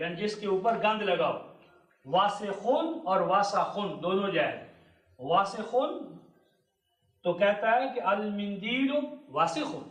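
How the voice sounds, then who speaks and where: A man teaching a classroom lesson, speaking slowly and repeating each word for his students, recorded in a 1990s classroom. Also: high-pitched, fairly bright tone. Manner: slow, repeats words for students. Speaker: Arabic teacher. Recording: echoey 1990s room recording from far off.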